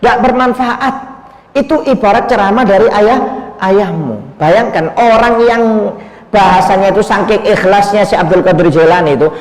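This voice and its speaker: A man's voice: high-pitched, moderate pace. A man preaching in a storytelling way, often breaking off words and restarting them. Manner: repetitive, cuts off and restarts words, addresses listeners as "Pak". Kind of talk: sermon storytelling. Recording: echoey hall.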